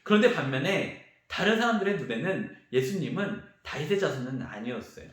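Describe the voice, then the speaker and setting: A male youth pastor preaching a sermon to teenagers, telling the story with animated energy and acting out the voices of the crowd and the beggar. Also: a little high, fairly quick. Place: large church sanctuary. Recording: very echoey church hall.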